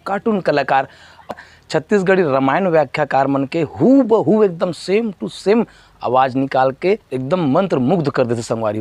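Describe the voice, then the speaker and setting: A man's voice: on the high side, no room sound. A man with a Chhattisgarhi accent hosting a vlog, chatting casually and addressing his viewers again and again. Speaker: vlogger host.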